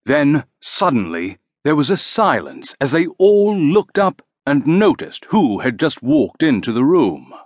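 A man narrates a storybook, his tone rising and falling with expression. He reads slowly and deliberately, in a voice a little higher than usual. The recording is close and dry. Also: no echo. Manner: slow, expressive. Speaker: audiobook narrator.

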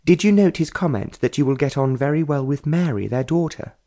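A man's voice: on the high side, expressive, a little fast, mellow, voice pushed up. A man voicing an eager, curious young woman painter who asks direct questions and answers bluntly.

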